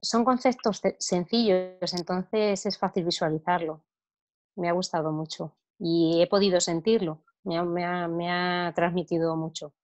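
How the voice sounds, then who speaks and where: Her voice is on the low side, steady, and a little slow. She's a Madrid woman with a Spain Spanish accent, a participant on a video call who reflects aloud with hesitation and lets her phrases trail off softly.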